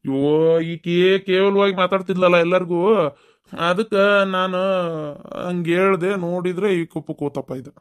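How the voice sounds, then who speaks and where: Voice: medium pitch, fairly even intonation, normal speed, clean tone, close to an everyday voice. A performer voicing a worried, complaining older father-in-law in a comic cartoon, with a North Karnataka accent. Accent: North Karnataka Kannada. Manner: fretting, complaining.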